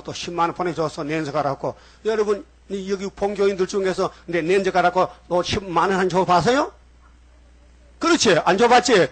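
Male pastor, husky and fairly high, preaching in a church with a loose, rambling delivery and direct questions to the pews. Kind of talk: sermon.

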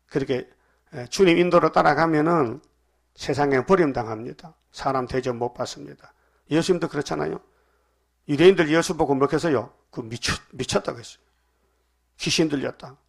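A man preaching a sermon, with sudden emphatic bursts between calmer stretches and frequent pauses to fill. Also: mid-range voice, vocal fry. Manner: preaches with rising emphatic bursts and many "어" fillers. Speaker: pastor.

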